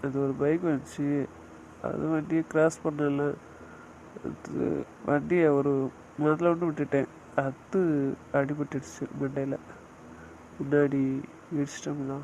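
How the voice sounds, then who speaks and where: A man's voice: a little high, level tone, a little slow, long pauses, a little mellow, a little hiss or hum, low-quality recording. Man playing a young husband downplaying his injury. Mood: soothing. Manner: soothing, downplaying, hesitant. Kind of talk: audio drama acting.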